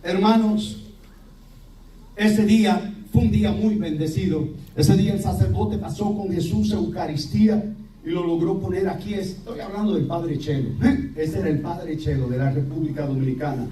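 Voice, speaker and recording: Man, puerto rican accent, preaching, high voice, dark tone, roomy distant church recording, faint hiss. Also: moderate pace. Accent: Puerto Rican Spanish. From Puerto Rico. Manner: lively storytelling preacher, mimics voices, laughs. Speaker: priest. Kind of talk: sermon. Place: church hall.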